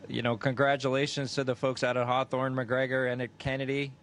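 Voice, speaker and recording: A man speaking as an astronaut, recounting things matter-of-factly and haltingly in an unscripted way. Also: monotone, fairly bright tone. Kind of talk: unscripted recounting in a live downlink event. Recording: space downlink with faint rumbling noise.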